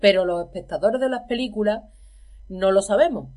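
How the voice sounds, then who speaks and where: A woman's voice: mid-range voice, fairly quick, darkish tone. A woman in a casual film discussion, talking in an exasperated, emphatic way. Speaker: film commentator.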